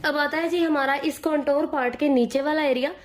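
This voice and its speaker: A hoarse woman patiently explaining a makeup tutorial step by step, pushing her voice and checking in with her viewers often. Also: high voice, steady tone, a little fast, reverberant, a little hiss or hum.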